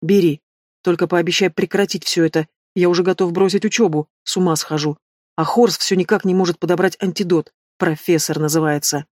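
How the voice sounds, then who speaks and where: A woman's voice: lowish voice, fairly even intonation, a little fast, darkish tone, no echo, clean studio sound, close to an everyday voice. A woman voicing a nervous young male student who speaks hesitantly and anxiously. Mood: weary.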